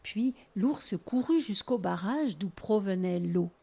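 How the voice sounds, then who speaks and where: A woman reading a children's picture book aloud as a library storyteller, with expressive, measured narration. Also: medium pitch, gravelly, slightly rough.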